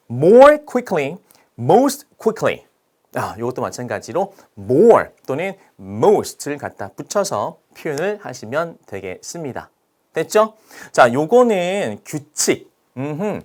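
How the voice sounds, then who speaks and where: A man teaching an English grammar lesson to students, often checking in with "okay?" and "right?", and sounding out English words slowly. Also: a little high. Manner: stretches out English words when sounding them out.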